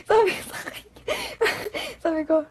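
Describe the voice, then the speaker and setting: A woman's voice: very high voice, slow pace. A young woman vlogger in casual gossip chat, giggling and retelling stories with animation.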